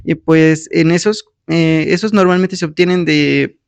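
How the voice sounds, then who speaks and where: A student answers in a mid-pitched, gravelly voice. The answer comes haltingly, with many fillers, and it is recorded dry. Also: no room sound. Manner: hesitant, unsure, many fillers. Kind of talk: answering a professor in class.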